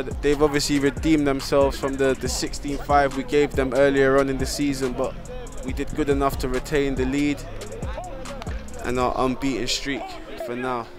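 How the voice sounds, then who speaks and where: A man giving casual commentary on amateur football highlights. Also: flat delivery, normal speed. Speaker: player-commentator of a football vlog. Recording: loud music behind the voice. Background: music.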